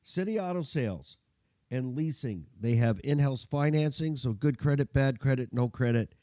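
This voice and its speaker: Mellow man hosting with a congested, gargly cold. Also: medium pitch, animated, normal speed, dry recording, clean studio sound. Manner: chatty, jokey, folksy. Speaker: radio show and podcast host. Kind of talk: folksy car show monologue.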